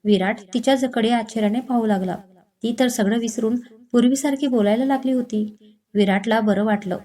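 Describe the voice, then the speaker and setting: A woman storyteller reading a romantic story in steady, expressive storybook narration. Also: fairly high pitch, brisk.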